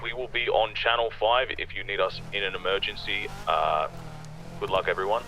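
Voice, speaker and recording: A man talking over an in-game police radio, giving halting call-outs with police codes and fillers. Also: deep voice, fairly even intonation, gravelly, pushed and bright. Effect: heard over in-game police radio. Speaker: fellow police officer in roleplay. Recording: faint distant radio voice with music behind.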